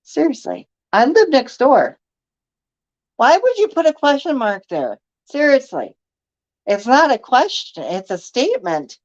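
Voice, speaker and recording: Woman reader, live book reading, sarcastic asides, lively pitch, dull lo-fi recording. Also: normal speed. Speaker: book reviewer reading a novel aloud.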